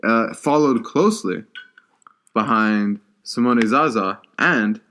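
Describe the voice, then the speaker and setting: A man's voice: mid-range voice, slow, fairly bright tone. Young man chatting casually about sports. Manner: repeats words often, hesitant restarts. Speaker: podcast co-host.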